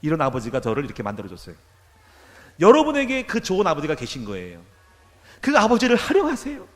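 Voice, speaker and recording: A man's voice: fairly high pitch, wildly swooping pitch, fast, in a large hall. An older male pastor preaching a sermon in a church, emphatic and calling the congregation to repeat after him. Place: church sanctuary.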